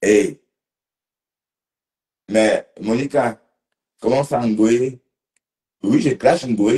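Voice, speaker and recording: A man's voice: mid-range voice, warm tone. A man a bit tipsy, rambling casually on a live stream and talking to commenters by name. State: slightly tipsy.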